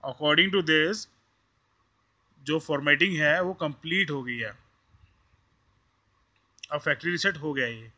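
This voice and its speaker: This tech tutorial host, a man with an Indian accent, talks slowly and pauses often, his slightly high voice bright and forceful. He explains step by step in an informal hands-on tutorial, mixing Hindi and English and repeating himself.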